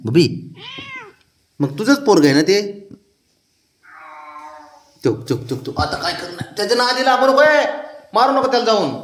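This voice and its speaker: A man talking to his sulking cat in coaxing, singsong baby talk. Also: a little high. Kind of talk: casual talk to a pet.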